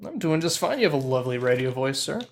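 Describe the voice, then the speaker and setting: A man's voice: medium pitch, sing-song, quick pace. Male streamer host, teasing and jokey, casual interviewer. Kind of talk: casual chat while streaming a game.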